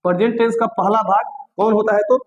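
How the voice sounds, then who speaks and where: A man's voice: sits high, fairly even intonation, fast, dull audio. A man teaches grammar. He repeats each list aloud several times and keeps asking the class simple check questions. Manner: repetitive, drilling lists aloud with frequent check questions. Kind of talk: classroom-style grammar lesson.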